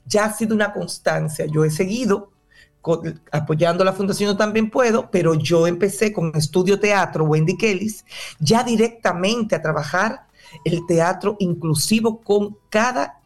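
A woman's voice: mid-range voice, normal speed, soft background music. Passionate theater director, a woman. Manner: passionate, explanatory, emphatic. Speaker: theater director and drama teacher. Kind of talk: interview answers.

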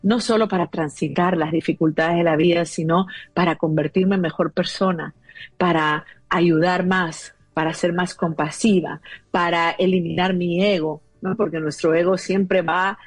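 A woman's voice: fairly low pitch, fairly even intonation, normal speed, husky, no room sound, soft background music. A woman in her fifties talking as a guest about parenting, explaining earnestly with many fillers. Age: 50s. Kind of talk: conversational advice talk.

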